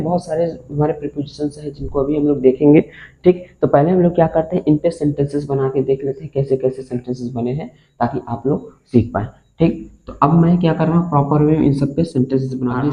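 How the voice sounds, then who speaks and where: A man gives a classroom-style lesson, breaking words into slow parts and asking his listeners again and again what they read. His voice sits fairly high. The sound is thin and phone-like, with a roomy echo. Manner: spells out words slowly and keeps asking the class to repeat. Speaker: English teacher. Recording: echoey room on a tinny, phone-like line.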